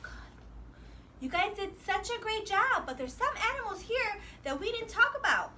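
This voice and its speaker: A woman's voice: very high-pitched, sing-song, moderate pace. A woman teaching toddlers, making animal noises, gasping in surprise and praising them eagerly. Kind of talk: interactive lesson for toddlers. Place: classroom. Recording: loud background noise.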